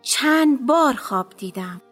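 A woman's voice: high-pitched, expressive, a bit bright, soft background music, pitched above the performer's own voice. A woman voicing a wary, secretive fellow prisoner. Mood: guarded.

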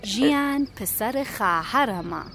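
A woman voicing a hospitable, grieving old village woman who speaks slowly and tenderly in a storybook reading. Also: fairly high pitch, expressive, a bit bright, voice pushed up. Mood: sad, tender. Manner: slow, tearful, tender.

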